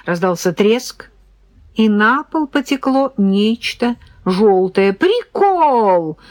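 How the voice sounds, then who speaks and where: A woman narrating an audiobook in a lively, expressive reading. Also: medium pitch, slow pace, dry recording. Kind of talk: scripted narration.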